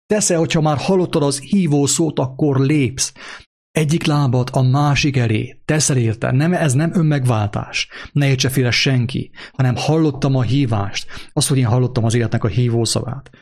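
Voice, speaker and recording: A man's voice: mid-range voice, a little mellow. Guy preaching a sermon, hammers points by repeating them, lots of um. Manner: emphatic, repeating points, fillers. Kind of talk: sermon with story reading.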